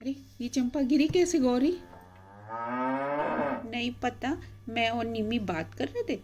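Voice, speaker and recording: A woman's voice: a little high, expressive, a little slow, darkish tone, dull audio, faint music behind. A woman voicing a bold, bossy little village girl in a children's doll story, teasing her friend. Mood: explaining.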